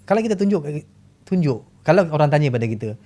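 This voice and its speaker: Fast-talking Malaysian man explaining. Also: fairly high pitch, sing-song, dark tone. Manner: fast, explanatory, asks and answers own questions. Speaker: historian guest. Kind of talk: podcast interview.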